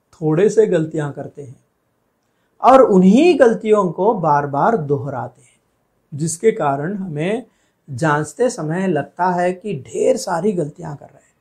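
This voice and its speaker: Slow, careful male Hindi teacher. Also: high voice, big pitch swings, a little mellow. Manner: slow, deliberate, stretches out words to model pronunciation; asks questions then answers them himself. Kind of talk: classroom lesson on spelling and pronunciation.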